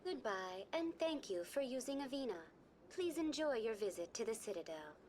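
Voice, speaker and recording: An actress voicing a calm female virtual-intelligence guide program, speaking in a smooth, polished, android-like way. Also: a little high, normal speed, slight background noise. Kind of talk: game dialogue.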